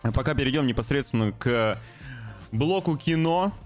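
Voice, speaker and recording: A man's voice: medium pitch, lively intonation, moderate pace, soft background music. A man hosting a gaming and film news show, commenting informally and hesitantly with ironic asides.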